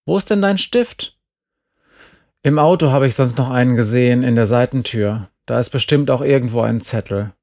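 A man reading an audiobook and voicing a blunt, bitter teenage girl who talks in a flat, cutting way. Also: medium pitch, moderate pace, natural voice. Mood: cold.

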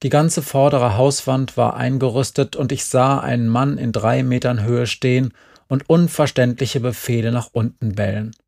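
Gravelly male audiobook narrator. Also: mid-range voice. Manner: calm storytelling. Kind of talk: audiobook reading.

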